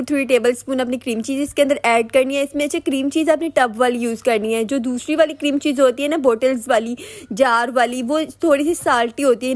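Woman, Pakistani Urdu accent, high voice, chatty baking tutorial, repeats herself, dry close phone mic. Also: a little mellow, no echo. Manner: chatty, instructive, repeats "ठीक है". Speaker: home baker and vlogger. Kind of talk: cooking tutorial voice-over.

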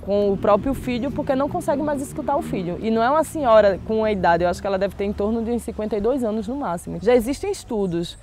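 Female researcher, informative, a touch high, faint background noise. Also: expressive, fast talker, hardly any pauses, darkish tone. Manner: informative, explaining. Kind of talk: explanatory interview.

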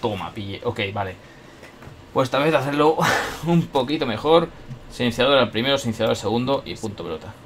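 A young man from Spain with a Spanish accent, commenting on his own gameplay and talking to himself, excitable and swearing often. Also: mid-range voice, brisk, a little hiss or hum. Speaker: gaming YouTuber.

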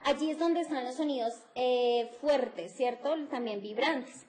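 A woman's voice: high voice, a little slow, darkish tone. A middle-aged woman, teaching an English phonetics class on TV and explaining sounds step by step, mixing in English. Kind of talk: televised class lecture.

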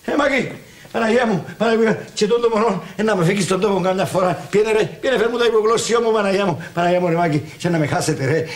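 An actor playing a stingy, grumbling old uncle in a sitcom, speaking with a Cypriot Greek accent and theatrical exasperation. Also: male voice, high voice, natural voice. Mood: grumbling refusal. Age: older. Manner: exasperated, theatrical sighing and cursing. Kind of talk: TV sitcom acting.

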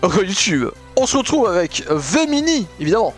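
Young man, live streamer, high voice, very lively, chatty and rambling, faint music behind. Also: moderate pace. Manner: excitable, shouting and laughing with joy; chatty, rambling with many fillers. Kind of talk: live stream reaction and chat.

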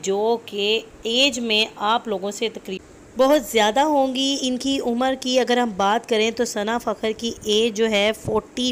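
A woman with a Pakistani Urdu accent does chatty voice-over commentary on celebrity entertainment clips, repeating herself and slipping into English phrases. Her voice is fairly high, with slight background noise.

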